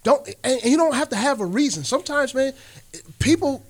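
A man's voice: very high voice, animated, brisk. A man speaking emphatically and informally in a casual discussion, in the familiar way of talking to friends.

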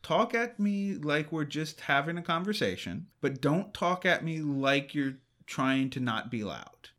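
A man's voice: fairly high pitch, animated, a little slow, fairly bright tone. A man hosting a casual podcast, wry and teasing as he steers the talk. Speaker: podcast host.

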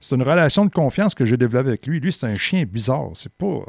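An animated man with a Quebec French accent tells a story in relaxed podcast chat. His voice sits in a middle range and sounds close and dry, with almost no room around it. He drops casual swear words as he goes. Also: medium pitch, quick pace, creaky, dry recording. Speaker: podcast co-host.

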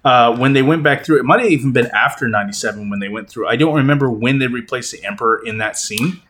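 A man's voice: mid-range voice, fast, a bit bright. Male podcast co-host, crude and rambling, casual film talk. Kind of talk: casual movie discussion.

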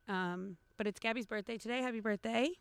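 A young woman co-hosting a casual podcast outdoors by a backyard pool, her voice a little raspy from allergies. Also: on the high side, a little fast, no echo. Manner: chatty, lots of fillers. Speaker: podcast co-host. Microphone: new podcast microphones.

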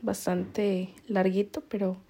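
Casting: Costa Rican woman, chatty podcast host, mellow gravelly voice, quick to laugh. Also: medium pitch, little pitch movement. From Costa Rica. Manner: chatty, laughs often, heavy slang. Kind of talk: casual storytelling chat.

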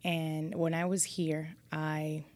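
Earnest, lower-voiced woman news anchor. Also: level tone, takes it slowly, a little mellow. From United States. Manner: upbeat and earnest, mixes Spanish phrases into English. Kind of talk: casual interview chat.

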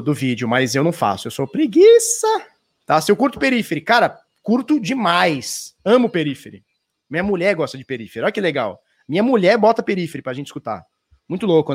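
High, lively Brazilian man streaming live. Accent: Brazilian Portuguese. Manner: loose, slangy, swears, rambles with restarts. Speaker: crypto livestream host. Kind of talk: casual live chat reading viewer questions. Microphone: standing at a live stream mic.

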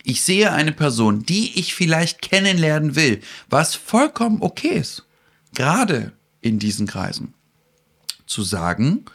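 A man's voice: on the high side, big pitch swings, unhurried, gravelly, fairly bright tone, husky. Indignant, theatrical man. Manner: indignant, theatrical, acts out dialogue. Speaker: podcast host. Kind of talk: animated casual chat.

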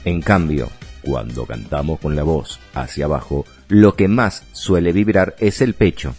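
A man's voice: very deep voice, unhurried, a little mellow, faint music behind. A man with a Rioplatense Spanish accent teaching voice imitation in a chatty, digressive way. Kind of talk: casual voice lesson.

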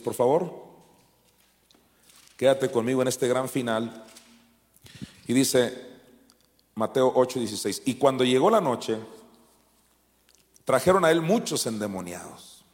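A man preaching a sermon, swinging from shouted commands down to quiet, low asides. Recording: long hall reverb.

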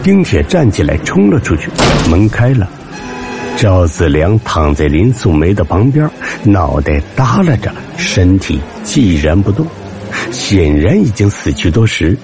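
A man's voice: sits low, very animated, unhurried. A man narrating a suspense story in a dramatic, scripted telling. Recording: soft background music.

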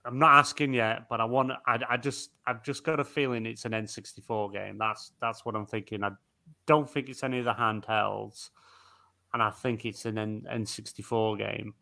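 Gravelly excitable man. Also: on the low side, moderate pace. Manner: excitable, thinks aloud with many fillers and restarts. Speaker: podcast co-host. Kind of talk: casual chat.

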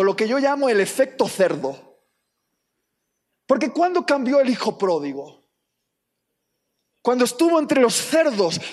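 A man preaching a sermon to his congregation, dramatic, acting out the people in his stories with sudden shifts between loud and soft. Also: long reverb tail. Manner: dramatic, acts out quoted people with big swings in pitch and volume. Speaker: pastor.

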